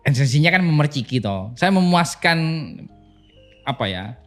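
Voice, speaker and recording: A man's voice: a little high, moderate pace, soft background music. A man, a pastor telling stories casually on a podcast and acting out the dialogue. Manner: animated storyteller, acts out quoted dialogue.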